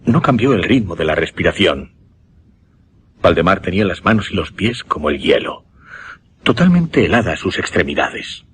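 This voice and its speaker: Playing a solemn hypnotist in a Spanish radio drama, the man speaks low-pitched yet fairly bright, very animated as he recounts a macabre experiment. Castilian accent, measured dramatic pauses, slight background noise, and a grave, suspenseful atmosphere.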